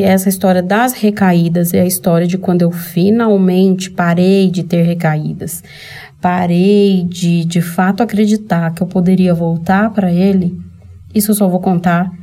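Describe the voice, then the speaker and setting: Mellow-voiced Brazilian woman telling her story. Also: mid-range voice. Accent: Brazilian Portuguese. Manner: candid, emotional, speaks directly to viewers. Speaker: channel host. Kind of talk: personal storytelling vlog.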